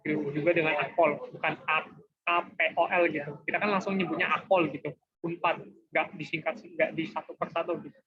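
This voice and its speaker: A fairly high-pitched young man explains grammar rules to students in a loose, chatty way. His keeps the lesson relaxed. The sound is dull and lo-fi, as over a video call. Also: fairly quick. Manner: chatty, informal, often says guys and gitu. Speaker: tutor. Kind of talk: casual online class explanation. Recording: dull lo-fi online class audio.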